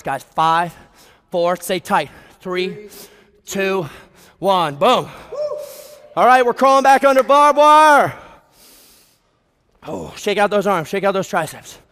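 Inside a large brick warehouse gym, the hall echoing, a fitness instructor in his twenties coaches a group session over a headset. The American's high, bright, clean voice carries hyped gym-bro motivation, cues and countdowns as he works out himself.

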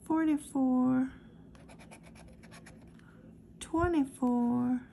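A woman narrates in a slow, steady, casual way, reading numbers one after another. Her high voice is dark and mellow with a gravelly edge. There is faint noise in the background. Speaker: lottery scratch-off channel host.

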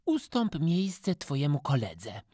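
Casting: a man playing a raised, slow, scolding schoolmistress, dry close sound. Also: huge pitch swings, warm tone, dry recording, heavily acted. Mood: coaxing. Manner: high, measured, scolding. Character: strict, exasperated female schoolteacher. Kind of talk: storybook reading.

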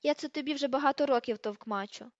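A woman's voice: high voice, fast, no room sound. Woman doing teen wizard boy, apologetic, mumbling, arguing back, dull dry audiobook sound. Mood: pleading. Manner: mumbling, pleading, shouting back. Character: soaked teenage boy wizard, sheepish then defensive. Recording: slightly dull, dry recording.

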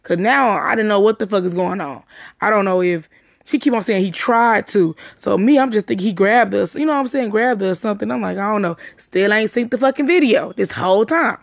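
Gravelly-voiced woman telling a story. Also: medium pitch, a little fast, no echo, clean studio sound. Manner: rambling, profane, emphatic storytelling; repeats herself and restarts often. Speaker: witness recounting a night out. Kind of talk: casual spoken retelling.

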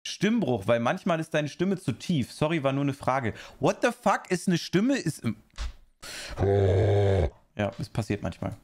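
Streamer, male. Chatty reaction commentary, pitch bouncing all over, rambles and answers chat. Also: big pitch swings, a little slow, slight background noise. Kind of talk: casual live-stream commentary.

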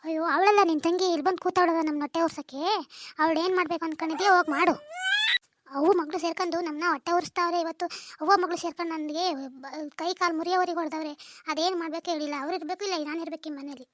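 A voice artist playing an angry young village wife, whose shrill, accusing voice is raised by a cartoon pitch effect. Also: steady tone, rapid-fire, fairly bright tone, a little hiss or hum. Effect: sped-up, high-pitched cartoon voice effect. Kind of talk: comic cartoon dialogue.

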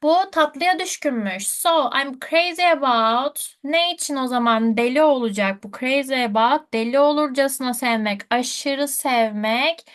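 Slow, high-pitched woman teaching. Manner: patient, checks answers with students. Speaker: English teacher. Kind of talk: live online lesson.

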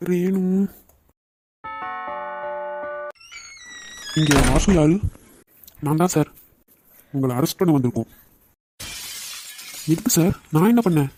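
A man voicing a hot-headed, loyal young man in an animated story, talking fast and emphatically. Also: on the high side, a little hiss or hum, lightly acted. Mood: confrontational.

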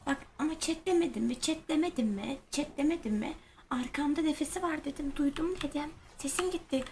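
High-voiced jumpy young woman gamer. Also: a little fast, vocal fry. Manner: jumpy, swears and shouts when scared. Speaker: gaming streamer. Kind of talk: casual let's-play chat. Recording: noisy gaming stream audio.

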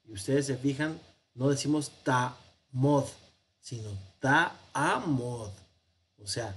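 A man's voice: mid-range voice, a little hiss or hum. A man with a Mexican Spanish accent teaching a Hebrew grammar lesson, explaining patiently with fillers and frequent check-ins with his class.

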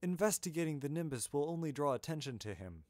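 A man voicing a brisk stern headmistress. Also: on the high side, sing-song, a little mellow, no echo, clean studio sound. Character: stern middle-aged female deputy headmistress.

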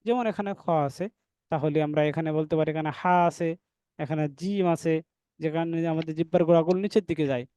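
A man teaching a Quran recitation class, explaining step by step and slowly sounding out letters, and addressing listeners as dear brothers. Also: fairly high pitch, fairly even intonation, mellow, no echo. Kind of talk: online class lesson.

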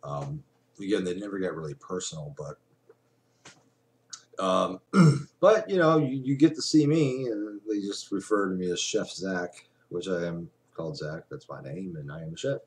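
A man in his forties with a low, deep voice vlogs from a small room at home. He talks straight into a desk webcam in a loose, rambling way, restarting sentences and filling gaps with "uh" and "like". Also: animated, normal speed. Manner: rambling, chatty, many fillers and restarts. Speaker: vlogger. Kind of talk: casual webcam vlog.

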